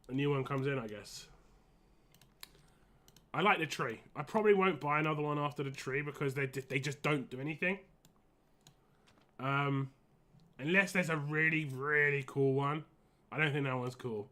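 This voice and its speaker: A man live-streaming a game in casual, rambling and halting chat, wheezy and short of breath with a cold. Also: on the high side, bright, forceful tone.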